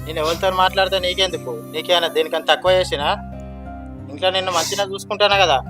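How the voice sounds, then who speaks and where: A man's voice: high-pitched, fairly even intonation, rapid-fire, lightly acted. An actor playing a harsh village husband who scolds and dismisses his wife. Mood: scolding. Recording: background music under dialogue.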